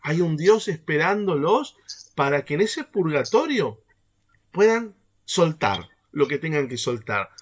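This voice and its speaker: Lively man leading a faith workshop. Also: a little high, measured pace. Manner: animated, keeps checking in with the group through rhetorical questions. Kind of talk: teaching a catechesis workshop.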